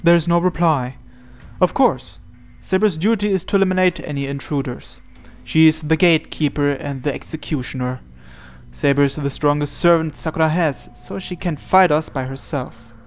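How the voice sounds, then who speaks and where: Playing a visual novel, a man reads its first-person narration out loud, his voice a little high and his pace normal, with gentle game music behind him.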